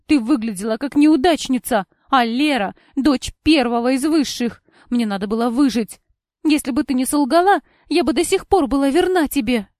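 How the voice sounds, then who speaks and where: Woman reader doing an accusing young woman, high, loud, indignant, tearful, bone-dry recording. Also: normal speed, no echo, close to an everyday voice. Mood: resentful. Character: young woman, bitter and accusing former friend. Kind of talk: audiobook character voice.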